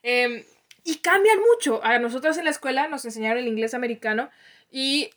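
Chatty high-voiced Mexican woman. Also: expressive, brisk, a bit bright. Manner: chatty, laughs often, many restarts. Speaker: podcast co-host. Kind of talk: casual podcast chat.

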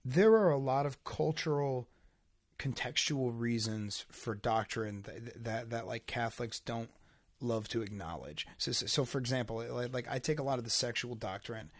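A man's voice: medium pitch, normal speed, no room sound, studio quality. A man in casual chat who rambles, restarting his sentences and stacking up fillers.

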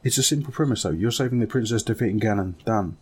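A man chatting casually about video games on a podcast, animated and repeating his points as he argues them. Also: on the low side, quick pace, husky. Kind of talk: casual gaming chat.

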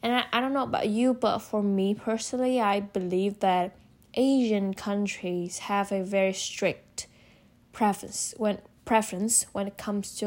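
A young woman with a Vietnamese accent talks casually on her own podcast. Her voice sits at an ordinary middle pitch. She rambles, leans on "like," and often restarts her sentences. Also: darkish tone. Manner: rambling, many "like" fillers and restarts. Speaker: podcast host. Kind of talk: casual solo chat.

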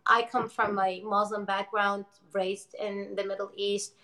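A woman in her forties from Jordan, a guest speaking earnestly and reflectively in a casual interview, with frequent restarts and soft laughs. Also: medium pitch, level tone, measured pace, poor audio. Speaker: interview guest, energy-healing teacher.

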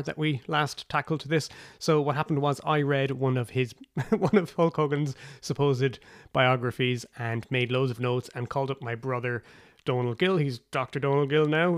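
A man's voice: medium pitch, no room sound. An Irish man introduces his podcast in a casual, chatty manner from a cabin in the woods. His delivery is wry and informal, and the sound is very dry, with little room around it. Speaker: podcast host.

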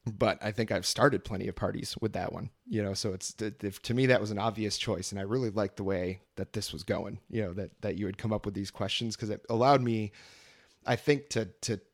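Male co-host, casual chat, lowish voice, easygoing, lots of ums. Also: fairly quick. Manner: relaxed, many ums and hedging fillers. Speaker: podcast co-host.

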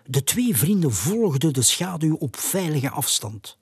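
A storyteller reading a children's storybook aloud with a breathy voice and hushed, half-whispered narration. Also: mid-range voice, sing-song, measured pace, dry recording, studio quality.

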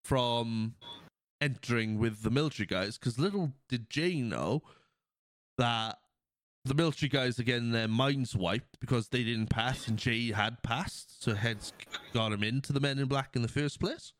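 A man's voice: mid-range voice, normal speed, no echo, clean studio sound. Sniffly man recapping a movie. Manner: animated storytelling, acts out quotes, laughs often. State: has a cold, sniffling. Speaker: podcast host. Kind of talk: casual movie recap chat.

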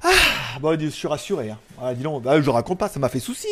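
Brief: male live-stream host, high pitch, rambling, excitable, casual chat. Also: fairly quick, heavy background noise. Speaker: live tech show host.

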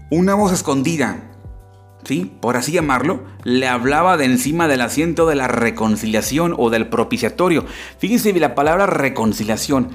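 A man giving a religious lecture, explaining scripture step by step and often asking his listeners rhetorical questions. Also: a little high.

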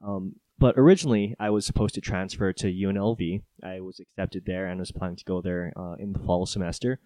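A young man from Hawaii chats easily as a guest on someone else's podcast. His voice is very low for a man. The recording is dry and close. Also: brisk, no room sound. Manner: friendly, relaxed storytelling with fillers. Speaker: podcast guest, co-host of his own show. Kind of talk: casual interview chat.

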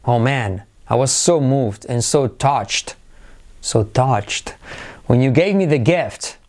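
A man with a Spanish accent from Spain teaching English, drilling phrases slowly and switching to quick explanations. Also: medium pitch, animated, darkish tone. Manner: repeats phrases slowly for learners to copy. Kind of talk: bilingual English lesson.

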